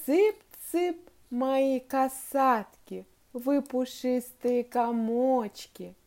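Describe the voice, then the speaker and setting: A woman voicing a strict, easily angered female schoolteacher who scolds her pupils in sharp outbursts, as she reads a story aloud to children. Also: high voice, drawn-out words, exaggerated voice. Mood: cooing. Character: strict irritable female schoolteacher, middle-aged.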